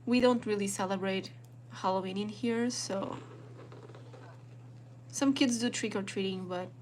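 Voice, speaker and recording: A young woman with a Portuguese accent chats easily with her viewers while she works on her journal. Her voice is mid-pitched and unhurried. A faint hum of noise sits behind her home recording. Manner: chatty, relaxed, talks to viewers while drawing. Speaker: planner artist and vlogger. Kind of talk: casual live-stream chat while journaling.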